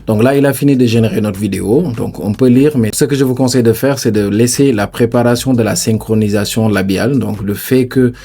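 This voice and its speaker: A man hosting a screen-recorded software tutorial, talking chattily to viewers and filling his steps with stock phrases. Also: lowish voice. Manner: chatty, repeats "bien sûr", addresses viewers as "les gars". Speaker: tutorial host.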